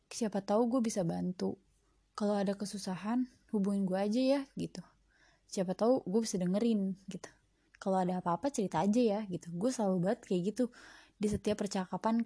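Chatty young woman, mellow voice. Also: mid-range voice, no room sound. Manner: chatty, reflective, many fillers. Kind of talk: casual solo monologue. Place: home at night.

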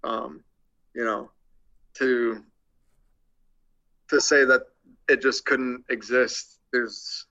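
A young man as a podcast guest, deadpan with crude jokes and hesitant with many ums. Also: medium pitch, very slow, long pauses, dull audio. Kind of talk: casual interview chat.

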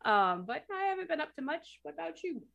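Female podcast co-host, slightly high voice, playful, sarcastic, quick to laugh. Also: big pitch swings, creaky, fairly bright tone. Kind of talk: casual podcast chat.

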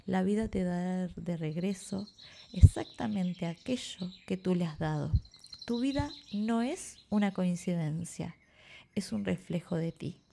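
A woman reading the lines of a gentle, patient father teaching his son, explaining in a soft, sermon-like way. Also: on the low side, measured pace, gravelly, a little hiss or hum.

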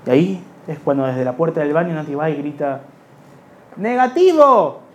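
A man's voice: on the high side, quick pace, mellow, muffled recording, a little hiss or hum. A young man with a Rioplatense accent telling a long stand-up comedy story in a rambling, self-mocking way. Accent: Rioplatense Spanish. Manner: rambling, self-mocking, slips into quoted voices.

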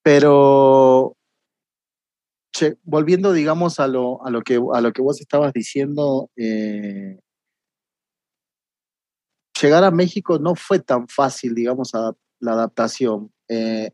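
A man's voice: medium pitch, mellow, dry recording. A man with an Argentine accent, a guest in a casual conversation, recounting his own experience in a reflective way and correcting himself as he goes.

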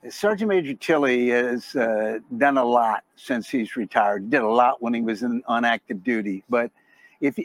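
An older American man answers as an interview guest. His mid-pitched voice is recorded dry and close, and he speaks sincerely in halting, measured phrases. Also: no room sound, low-quality recording. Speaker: podcast guest, retired rear admiral.

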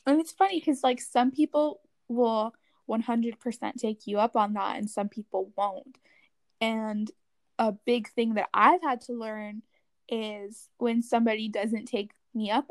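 Young woman, higher pitch, dry close sound, casual chat, animated, filler-heavy. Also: measured pace, dry recording. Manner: chatty, lots of "like", animated.

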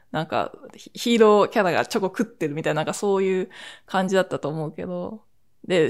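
A woman in her forties from Akita, hosting a podcast and telling a childhood story in a chatty, rambling way with asides. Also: medium pitch. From Akita, Japan. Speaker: podcast host. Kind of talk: casual solo storytelling.

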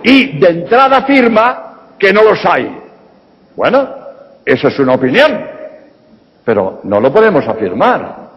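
Emphatic priest from Spain, high lively voice. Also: male voice, measured pace, pauses often. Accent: Spanish (Spain). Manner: emphatic, rhetorical questions, blunt. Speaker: priest answering audience questions. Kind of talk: public lecture Q&A. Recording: reverberant hall, dull lo-fi sound.

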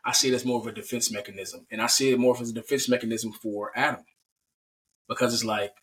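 Bright, animated male podcast host. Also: medium pitch, quick pace, recorded from a distance, rough recording. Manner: animated, with frequent restarts and repeats. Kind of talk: casual Bible talk.

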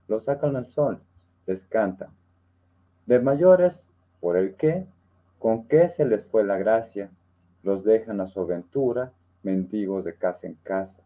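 Man reciting poetry over a dull video call; low-pitched, thoughtful. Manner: reflective, uses many fillers and tag questions. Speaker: participant reading a poem. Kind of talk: casual literary discussion and poem recital.

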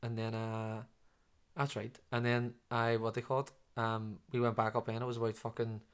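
A man's voice: medium pitch, completely flat delivery, normal speed, clean tone. A man with a Derry accent telling a rambling anecdote in casual chat, swearing freely. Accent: Derry, Northern Irish. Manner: swears often, rambling, restarts a lot.

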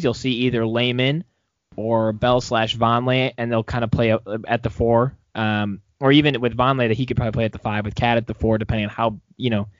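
A man's voice: medium pitch, no room sound. A man co-hosting a sports podcast, talking casually in an upbeat, rambling way with many restarts. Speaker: podcast co-host. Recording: dull lo-fi dry sound.

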